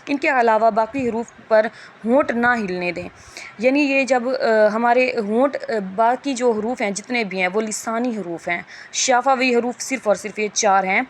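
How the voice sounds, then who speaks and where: A woman's voice: a little high, a little hiss or hum. A woman teaching a Quran reading lesson, explaining rules patiently and stretching out letter sounds as examples. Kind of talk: Urdu lesson lecture.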